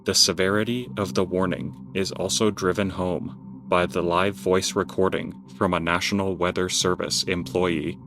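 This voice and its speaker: A man narrates in a low voice, reading scripted documentary copy. Music plays clearly underneath the narration.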